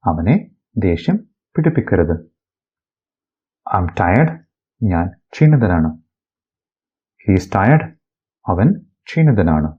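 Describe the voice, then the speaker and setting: A man from Kerala teaches a bilingual phrase lesson. He reads each sentence slowly and deliberately, then translates it. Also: low-pitched, sing-song, husky, dull audio. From Kerala, India. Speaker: English teacher.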